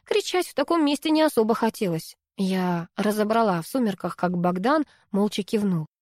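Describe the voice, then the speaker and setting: A young woman reading a first-person story aloud in a lively, expressive way. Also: mid-range voice, moderate pace, no room sound, clean studio sound. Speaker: audiobook narrator.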